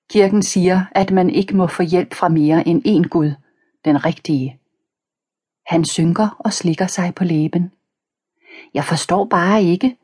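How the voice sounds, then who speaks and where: Husky, low-voiced woman narrating. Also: darkish tone. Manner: reads page numbers aloud between passages. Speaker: audiobook narrator. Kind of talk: scripted first-person narration of a children's book.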